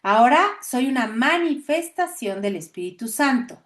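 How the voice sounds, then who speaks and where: Serene male apostle type, read by a woman, gentle, patient explaining, a bit high. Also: sing-song, moderate pace.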